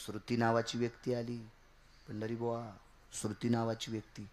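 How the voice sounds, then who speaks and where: A man preaching a devotional kirtan sermon, swinging from loud shouts to low murmurs and repeating key words for emphasis. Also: monotone, moderate pace.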